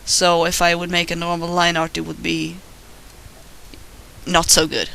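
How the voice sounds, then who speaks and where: Recorded while he draws, this Swedish-accented man gives casual, rambling commentary, self-deprecating and occasionally cursing. His voice sits on the high side, monotone and a little slow, with vocal fry and a pushed, bright quality. There's slight background noise.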